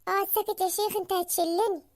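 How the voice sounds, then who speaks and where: A very high, squeaky cartoon housewife, played by a woman scolds her husband in rapid Egyptian Arabic. She is sharp-tongued and teasing, firing off quick sarcastic retorts at a brisk clip. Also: fairly even intonation. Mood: scolding. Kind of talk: cartoon comedy voice acting.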